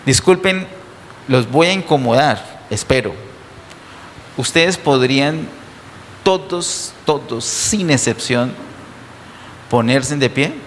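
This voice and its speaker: A man's voice: medium pitch, expressive, slow, long pauses, a little hiss or hum. Emphatic preacher man in a reverberant church. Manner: emphatic, asks the congregation rhetorical questions. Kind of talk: sermon. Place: church hall. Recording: distant sound with long hall reverb.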